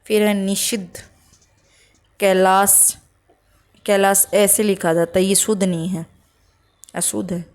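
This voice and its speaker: A woman teaching spelling for an exam, slowly reading out word lists and checking with short asides. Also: medium pitch, level tone, a little mellow. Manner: slow, listing words one by one with "ठीक है" checks.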